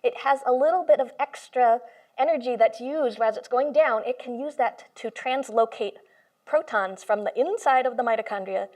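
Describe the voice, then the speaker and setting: A woman with a somewhat high, darkish voice lectures informally at a moderate pace to a live audience in a room. She's a computational biologist who explains with enthusiasm and everyday comparisons. Her handheld or stand microphone is brought closer at one point.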